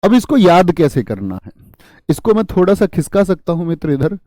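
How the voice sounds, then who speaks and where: Male teacher, mellow slightly high voice, dry close sound; quizzes the class, repeats answers, uses mnemonics. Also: very animated, normal speed, no room sound. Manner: uses memory tricks and jokes. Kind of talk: classroom lesson.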